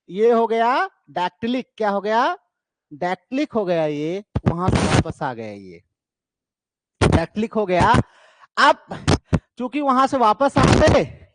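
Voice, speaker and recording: A man teaching an exam-prep lecture who keeps asking questions and answering them himself, repeating key terms for emphasis. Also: extremely high pitch. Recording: noisy background.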